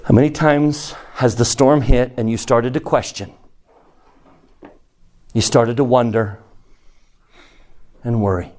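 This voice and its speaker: A man teaching a scripture lesson to a group, asking his listeners questions in a slow, emphatic way. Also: mid-range voice, a little mellow. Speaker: church teacher.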